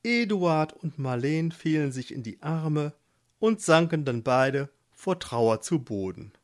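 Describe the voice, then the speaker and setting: A narrator reading a fairy tale aloud at a slow, measured pace. The reading is expressive, and the pitch rises and falls in wide, lively arcs. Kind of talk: storybook reading.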